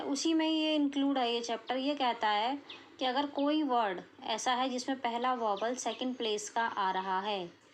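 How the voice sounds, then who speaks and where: An Indian woman teaches shorthand step by step, patiently checking that her students are following and often asking "clear?" and saying "okay". Her voice is on the high side, with slight background noise.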